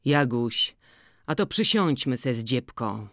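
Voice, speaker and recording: Lady doing a sly old farmer guy, low and slow, dry close sound. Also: animated, no room sound, heavily acted. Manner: slow, measured, low-key.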